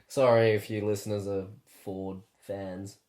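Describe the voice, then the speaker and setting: A man co-hosting a casual podcast interview over an internet call, jokey and quick to laugh. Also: on the low side, steady tone, darkish tone, roomy sound. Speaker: podcast co-host.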